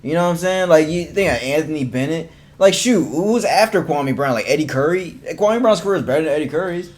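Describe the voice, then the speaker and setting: A man's voice: fairly high pitch, expressive, quick pace. A man from Virginia co-hosting a podcast, chatting about sports in a loose, rambling way with many fillers and restarts. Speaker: podcast co-host. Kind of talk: casual sports chat.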